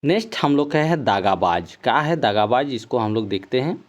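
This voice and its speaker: A man's voice: mid-range voice, expressive, fairly quick. A man teaches an exam-prep class, reading poem lines aloud and then explaining them, and he keeps repeating "ठीक है". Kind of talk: explaining poems in a recorded class. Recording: dull lo-fi sound.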